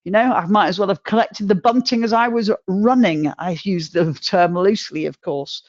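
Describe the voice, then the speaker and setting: A middle-aged woman giving a humorous motivational talk, chatty and self-mocking, with sudden jumps in pitch. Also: normal speed, no echo, muffled recording. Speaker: motivational speaker.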